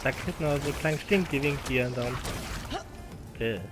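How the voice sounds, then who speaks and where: A man giving casual, halting gameplay commentary in short muttered reactions. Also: mid-range voice. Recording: game music behind the voice.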